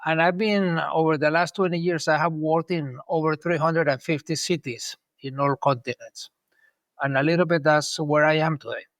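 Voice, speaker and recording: A man's voice: fairly high pitch, steady tone, moderate pace, a bit bright, no echo. A man from Colombia in his sixties, answering interview questions in a rambling way with many ums and restarts. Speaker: guest, urban planner.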